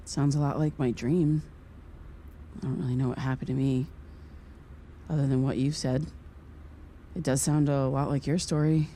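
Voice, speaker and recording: In a naturalistic audio drama, a woman with a bass voice, warm tone and little pitch movement plays the lead, an earnest, hesitant podcaster seeking answers. She sounds halting, apologetic and polite yet defensive and insistent, over a faint hiss or hum.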